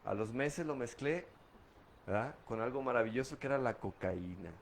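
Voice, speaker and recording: A man's voice: mid-range voice, lively intonation, normal speed, vocal fry, slight background noise. A middle-aged man from Guadalajara with a Mexican Spanish accent, giving a candid, profane account of his past drinking in street slang. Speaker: guest recounting his addiction. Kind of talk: candid personal testimony.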